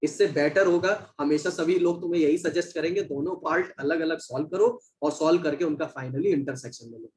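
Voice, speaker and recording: A man's voice: fairly high pitch, fairly quick, hardly any pauses, rough recording. A man teaching a live online maths class, calling his students "beta" and "bhai" and reading their chat messages aloud.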